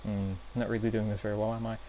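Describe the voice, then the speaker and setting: A man's voice: lowish voice, level tone, fast, warm tone, slight background noise. A young man vlogging in a casual, self-deprecating way, telling awkward stories with nervous fillers. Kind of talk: casual storytelling vlog.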